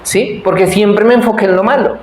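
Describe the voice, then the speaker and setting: A man's voice: high-pitched, fairly even intonation, a little fast, a little hiss or hum. A man in his forties, a pastor preaching a sermon in a conversational, joking way and asking the congregation to answer him. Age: 40s. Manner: conversational, self-deprecating, asks the congregation to answer. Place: church hall. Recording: echoey church hall.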